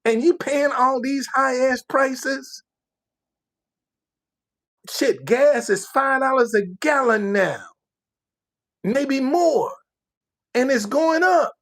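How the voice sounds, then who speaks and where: Man from the US, livestream ranter; slow, drawn-out delivery, preachy and emphatic, loves repeating himself. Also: very high-pitched, expressive. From United States. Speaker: livestream commentator. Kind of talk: casual ranting monologue.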